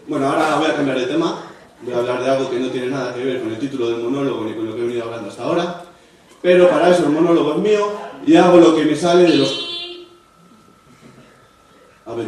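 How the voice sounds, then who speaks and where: A young man from Spain performing a live stand-up monologue at a university, switching into loud high voices to act out other people. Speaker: stand-up comedian. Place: university auditorium with a laughing audience. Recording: echoey, distant, noisy hall recording.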